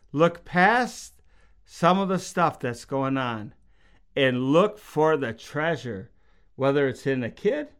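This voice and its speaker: A man's voice: mid-range voice, clean tone. A middle-aged man, a preacher, talking casually about faith and telling stories, acting out quotes in a raised voice. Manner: storytelling, acts out quotes in raised voice. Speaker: preacher and podcast guest.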